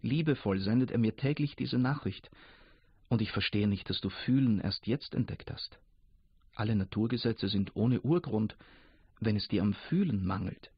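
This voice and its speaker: A man's voice: lowish voice, normal speed, husky, no room sound. A man voicing an ancient, wise male river who patiently explains, in a dull lo-fi radio recording. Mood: calm, explaining.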